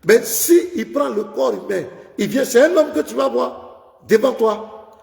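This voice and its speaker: Insistent pastor, high gravelly voice. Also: male voice, animated, a little slow. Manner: insistent, repeats phrases, reads Bible verses aloud. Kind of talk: heated live call-in debate. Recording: echoey room with long reverb.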